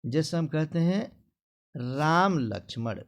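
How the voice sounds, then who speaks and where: A male teacher explains a grammar lesson to children. He speaks slowly with a gravelly edge, and his pitch rises and falls widely. He acts out example phrases in a sing-song way. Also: lively intonation.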